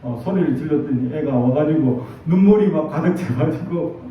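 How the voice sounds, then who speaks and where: A middle-aged male pastor preaches a sermon with a high voice, switching into quoted lines as he tells his stories. He is heard from some distance in a strongly echoing room, and the sound is dull. A faint background hum runs underneath. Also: moderate pace. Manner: animated storytelling with acted quotes. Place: church sanctuary.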